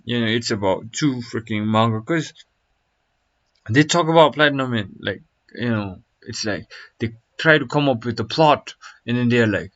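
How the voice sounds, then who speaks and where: A man's voice: mid-range voice, moderate pace, fairly bright tone. A young man streaming, chatting casually and reacting to a video in a rambling, slangy way full of fillers. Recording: dull lo-fi mic.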